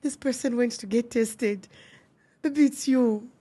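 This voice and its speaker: A woman's voice: a little high, a little slow, dark tone. A young adult woman co-hosting a podcast in casual chat, often laughing as she tells a story. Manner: laughs often while telling stories. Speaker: podcast co-host.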